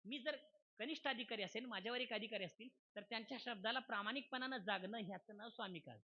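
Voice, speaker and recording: Sharp in tone, high-voiced and fast-talking, this man is a kirtan preacher. The audio is dull and lo-fi, and his folksy, humorous devotional sermon is full of checks that listeners are following along.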